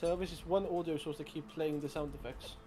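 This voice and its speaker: A man's voice: on the high side, steady tone, fast talker, noisy background. A young man co-hosting a casual game-development chat on a call, rambling and self-deprecating with many restarts. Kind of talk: casual chat over gameplay.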